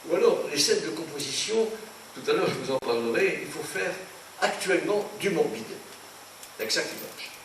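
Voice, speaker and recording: An older French painter gives a rambling lecture in a conference hall, animated and indignant, wandering through asides and anecdotes. His voice is on the high side at normal speed, captured on a distant mic in an echoey, noisy room.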